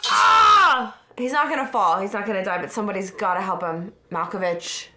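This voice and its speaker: A woman reacting to a film as she watches it, casual and excitable, gasping and talking back to the screen. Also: medium pitch, fast talker, noisy background. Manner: excitable, exclaims and gasps at the screen. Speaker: movie reaction host.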